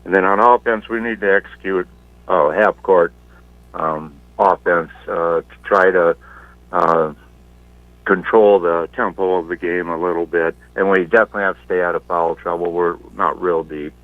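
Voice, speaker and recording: A man, a high school basketball coach, talking in a halting, plain-spoken way during a phone interview. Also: fairly even intonation, dry recording. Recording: tinny dry phone line.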